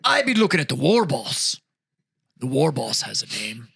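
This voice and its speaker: A man voicing a proud, quarrelsome male ork warrior who craves worthy foes, rasping and gravelly, mocking and trash-talking in ork slang, in an improvised in-character debate. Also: medium pitch, sing-song, normal speed, a bit bright, voice pushed down, full character voice. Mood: scornful.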